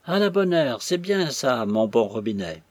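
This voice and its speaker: A man voicing a scheming old woman who fawns and wheedles, in a shrill, husky voice. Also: expressive, a little slow, darkish tone, no echo. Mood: gushing. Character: scheming cackling old woman, fawning and sly.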